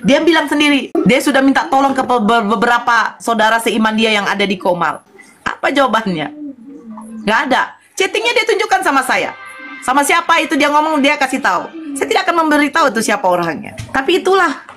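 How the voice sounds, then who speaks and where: A woman's voice: high voice, animated, fairly quick, a bit bright, faint music behind. A woman, a convert addressing her followers in an earnest, preachy live-stream talk and scolding her critics.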